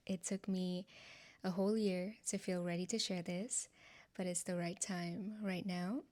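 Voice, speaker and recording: Speaking softly and earnestly to the viewers of her channel, a native Nepali-speaking woman from Nepal, in her twenties, tells her personal testimony. Her voice is at a medium pitch, dotted with frequent ums and light laughs.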